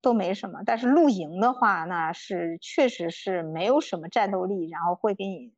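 A young woman guest on a podcast, telling stories in an animated, casual way, swearing freely and acting out quotes. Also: lowish voice, normal speed, dry recording. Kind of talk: casual storytelling chat. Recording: dull lo-fi dry sound.

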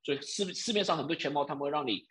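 A man's voice: fairly high pitch, rapid-fire, fairly bright tone. A man speaking Mandarin as a non-native with a foreign accent, explaining things off the cuff in a didactic way, often checking that listeners follow. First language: not a native Mandarin speaker. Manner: didactic, with frequent check-in tags. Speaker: interview guest, crypto wallet expert. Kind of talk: spontaneous explanatory talk.

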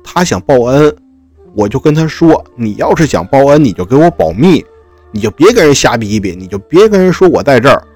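Man doing a noble, earnest storybook deer, husky voice, faint music under it; light characterization, close to his own voice. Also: medium pitch, sing-song, fairly quick, a little mellow. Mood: tearful, indignant. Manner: earnest, pleading. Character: noble male deer, gentle and pleading.

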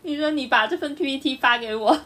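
High-voiced young woman co-host. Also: fast talker, a bit bright, slight background noise. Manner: supportive listener with frequent backchannel replies. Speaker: podcast co-host. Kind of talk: casual chat.

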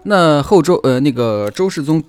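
A man's voice: on the high side, moderate pace, clear, resonant tone, dry recording, soft background music. A man hosting a podcast, retelling an old legend in casual chat and acting out the quoted lines. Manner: animated, acts out quoted lines. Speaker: podcast host and storyteller.

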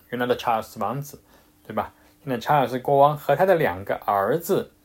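A man teaching English pronunciation in a casual, patient way, with frequent fillers and restarts. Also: medium pitch. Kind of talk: casual explanatory lesson.

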